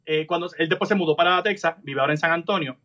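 Male co-host, high pitch, lively storyteller who mimics the people in his stories. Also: racing. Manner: animated anecdote teller, acts out quoted voices. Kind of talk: casual storytelling chat.

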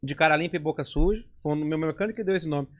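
A Brazilian man, a comedian, chatting casually on a podcast and telling bawdy jokes in an animated way. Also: on the high side, very fast. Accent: Brazilian Portuguese. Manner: animated, jumps into lewd joke voices. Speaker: comedian guest.

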